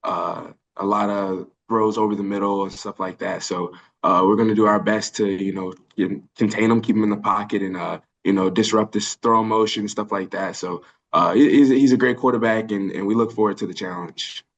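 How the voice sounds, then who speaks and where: A college football linebacker in his early twenties, from Birmingham, Alabama, answers press questions over a video call. His voice is on the low side, steady and creaky at a normal speed, and he comes across as earnest, with lots of fillers and restarts.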